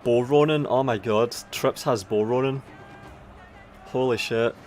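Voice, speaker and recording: A man with an Aberdonian Scottish accent giving casual, sweary live commentary on a strategy game, thinking aloud in a halting way. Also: mid-range voice, a little mellow, faint music behind. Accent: Aberdonian Scottish (Doric). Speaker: esports tournament commentator. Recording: background noise of game battle ambience. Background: strategy game battle sounds.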